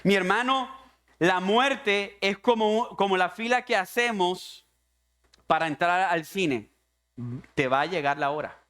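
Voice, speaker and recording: A man delivers a fervent sermon in a high, ringing voice. He talks straight to the congregation, pressing each question on them like a brother. The tone stays earnest and urgent throughout. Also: measured pace, a bit bright, smooth. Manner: impassioned preaching, addressing the congregation as brother. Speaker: pastor. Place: church.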